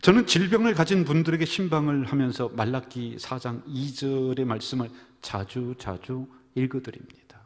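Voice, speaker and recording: Korean pastor preaching in a reverberant hall. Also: male voice, medium pitch, normal speed, few pauses. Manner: storytelling, swings from loud to whispered. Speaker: senior pastor. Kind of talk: sermon with jokes. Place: church sanctuary.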